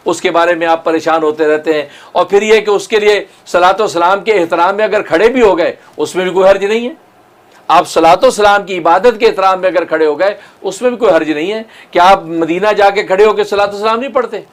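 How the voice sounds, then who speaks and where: A man's voice: sits high, a little fast. A man preaching as a mufti, arguing point by point in a rhetorical lecture and quoting scripture. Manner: rhetorical, argumentative, quotes scripture. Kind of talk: religious lecture.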